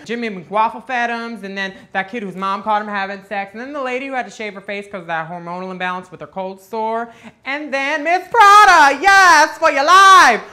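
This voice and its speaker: A man talking as a sassy, campy drag queen host, giving catty comic commentary on video clips in a bright, high-placed voice. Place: photo studio with grey backdrop.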